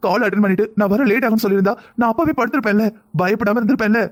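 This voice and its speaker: Brief: a man playing a fretful young cartoon wife, southern Tamil accent, very high and rapid. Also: lightly acted. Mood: reproachful. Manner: pleading, scolding, quick. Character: anxious young wife, worried and reproachful. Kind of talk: cartoon voice acting.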